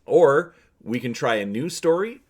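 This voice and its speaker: A man's voice: medium pitch, expressive, unhurried. A man hosting and narrating an adventure story for viewers in a theatrical, emphatic way. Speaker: host and narrator of a story channel. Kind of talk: dramatic reading of an adventure story.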